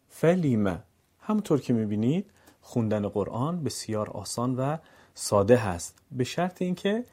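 A man teaching Quran reading, explaining vowel sounds and demonstrating words syllable by syllable, drawing them out slowly. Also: medium pitch, dark tone. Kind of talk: instructional lesson with recited examples.

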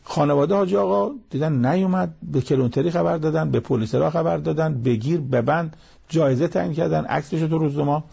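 A man delivering a sermon that explains scripture. His voice is gravelly and husky, with a warm, mellow tone. He moves between recited Arabic verses and plain storytelling to make his points. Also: a little high. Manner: recites Arabic verses and tells moral anecdotes. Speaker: preacher. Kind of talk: sermon with Quran commentary.

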